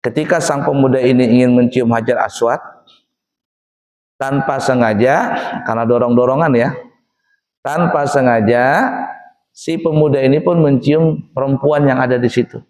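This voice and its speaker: A man preaching a sermon, telling funny stories in an animated way and acting out the voices of the people in them. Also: medium pitch, moderate pace, long pauses. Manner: animated, acts out quoted voices, laughs often. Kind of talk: sermon with humorous storytelling. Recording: echoey hall, long reverb.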